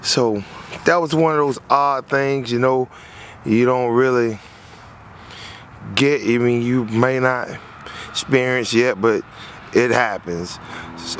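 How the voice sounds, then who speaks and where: A man's voice: medium pitch, a bit bright, slight background noise. A man, an HVAC technician, walks through a repair job in a casual, rambling way, repeating himself as he goes, recorded outdoors on a phone. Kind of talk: casual explainer walkthrough. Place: outdoors on a lawn.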